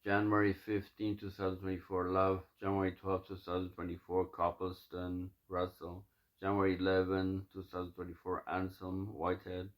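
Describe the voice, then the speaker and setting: Low-voiced man reading his own notes. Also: completely flat delivery. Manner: halting, many fillers and restarts. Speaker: self-recording reader of his own writings. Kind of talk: casual spoken preamble, then reading his notes aloud.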